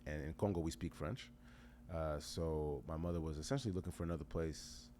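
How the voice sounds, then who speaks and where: A man who grew up in Canada and Texas, a musician guest talking casually in an interview with a relaxed, slangy manner and frequent fillers. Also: extremely low pitch, brisk, slight background noise.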